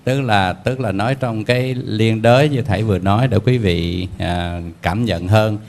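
A man's voice: on the low side, moderate pace, gravelly, darkish tone. A man politely addressing the monk during a sermon, speaking deferentially.

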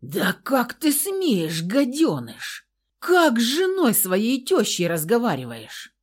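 An older father shouts in furious, indignant defiance, voiced by a woman narrator. His words come out loud and drawn out. His anger does not let up. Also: deep voice, normal speed, natural voice.

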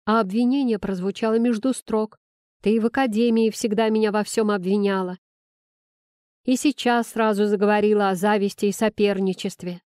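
A woman's voice: medium pitch, fairly even intonation, normal speed, darkish tone, clean tone, no echo, clean studio sound, close to an everyday voice. A woman voicing a flustered young male steward who indignantly protests his innocence. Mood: protesting.

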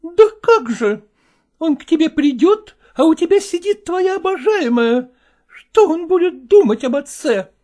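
A woman voicing a sharp-tongued middle-aged wife who scolds her estranged husband in a shrill, needling way. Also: lively intonation, measured pace. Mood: scolding.

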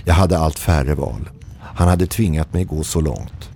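Deep dark-voiced male horror narrator. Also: vocal fry, slight background noise. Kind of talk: scripted first-person horror narration. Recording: faint music bed behind.

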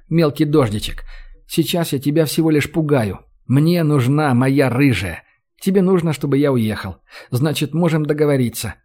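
A man's voice: on the high side, darkish tone, close to an everyday voice. A man voicing a sarcastic, commanding young man who taunts and threatens.

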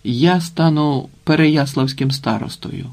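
Storybook old sorcerer, gravelly and firm, read by a male narrator. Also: fairly high pitch, unhurried, darkish tone. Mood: commanding. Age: older. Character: old male village sorcerer, gruff and resolute.

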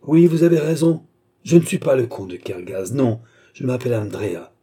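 A man's voice: medium pitch, measured pace, gravelly, dark tone, slightly rough. A man voicing a scheming, vengeful nobleman villain in an audiobook, with sneering, heated declamation. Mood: defiant, menacing.

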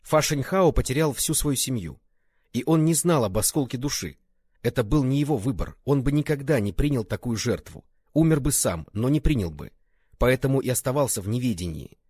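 An earnest, protective young man speaks with insistent force, his voice lifted above the reader's own. A man reads him aloud in a storybook reading, the tone husky and a little breathy. The recording is dry and close. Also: mid-range voice, lively intonation, brisk, darkish tone, dry recording, voice pushed up.

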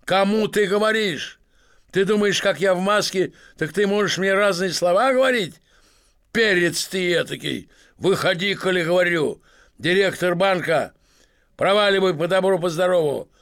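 A man's voice: on the high side, normal speed, pitched above the performer's own voice, close to an everyday voice. A man voicing a drunk, boorish masked millionaire who bellows and mocks everyone in a storybook reading. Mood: bullying. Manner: bellowing, mocking, swaggering.

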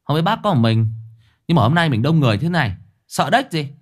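A man's voice: on the high side, big pitch swings, fairly quick, voice pushed up. A man playing an eager, confident young male relative.

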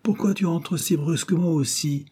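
A man voicing a shrill, ill-tempered working wife who scolds and shouts. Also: normal speed, husky. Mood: scolding. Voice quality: piercing, shrill.

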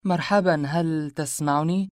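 A man's voice: a little high, brisk, a little mellow, dry recording, clean studio sound, pitched above the performer's own voice, close to an everyday voice. A man reading an audiobook, voicing a charming, playful young woman in a lighter, lifted voice. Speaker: life coach character.

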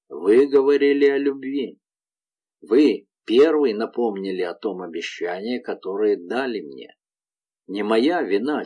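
A man reading aloud voices a frightened, gentle young village woman in a tender, pleading manner. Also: on the low side, slightly rough.

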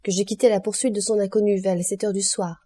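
A woman's voice: medium pitch, steady tone, quick pace, warm tone, husky, lightly acted. A woman voicing an anxious, courteous young male nobleman in an audiobook. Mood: worried.

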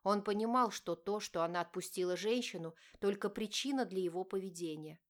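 A woman reading a romance novel aloud in steady, expressive scripted narration. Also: medium pitch, fairly quick. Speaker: audiobook narrator.

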